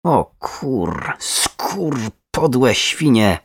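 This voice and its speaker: A man's voice: mid-range voice, expressive, normal speed, no echo, clean studio sound, natural voice. A man voicing an aggressive, volatile young woman who snaps and curses in short bursts, in a true crime reading. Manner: curt, snapping, cursing.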